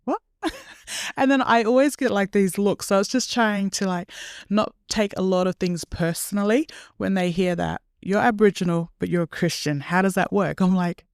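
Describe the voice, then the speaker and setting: A woman's voice: medium pitch, normal speed, a little mellow, dry recording, studio quality. A young woman, a nurse, answering interview questions in a chatty, earnest way and laughing at herself now and then. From Australia. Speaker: nurse and podcast guest.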